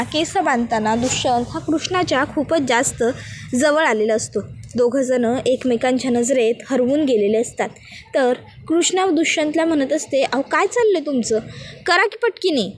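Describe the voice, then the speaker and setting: A woman's voice: high-pitched, normal speed, a little hiss or hum. A woman casually retelling the episode of a TV serial, narrating and quoting each character's lines.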